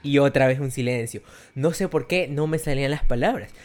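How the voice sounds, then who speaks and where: A young man with an Ecuadorian accent, co-hosting a podcast and telling a story in casual chat, animated and quick to laugh. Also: mid-range voice. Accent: Ecuadorian Spanish. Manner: animated, laughs often, acts out quoted voices. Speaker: podcast co-host.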